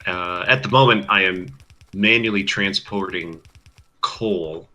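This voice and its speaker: A man's voice: sits low, takes it slowly, bright, forceful tone. A man in casual chat while playing a game with his brother, wry and talking through what he is doing.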